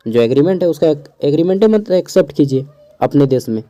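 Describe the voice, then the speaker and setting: A young man teaching an exam-answer lesson in a casual, chatty way, keeping his voice low in a small room at home and adding asides. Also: animated, quick pace, dark tone. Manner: chatty, digresses with asides and chuckles; keeps his voice down so neighbours won't hear. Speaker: teacher going over an exam paper.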